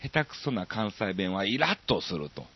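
A man from Osaka with a Kansai accent hosting a radio show, chatting casually and reading listener mail with lots of drawn-out fillers. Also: fairly low pitch, sing-song, husky, lo-fi sound. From Osaka, Japan.

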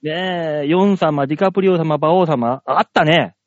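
A man in his forties, a podcast co-host, joking with friends in gruff, playful bluster over a remote call mic. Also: on the high side, normal speed, no room sound, dull audio. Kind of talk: casual banter.

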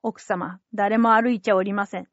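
A woman voicing a gruff, fatherly old fisherman who talks low and quietly in a rustic way. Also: steady tone, moderate pace, no room sound, muffled recording, lightly acted. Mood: soothing. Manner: low, subdued country talk.

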